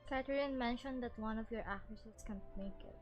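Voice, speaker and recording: A woman's voice: fairly high pitch, normal speed, faint music behind. A woman streamer giving casual game commentary, blunt and slangy, reacting as she plays.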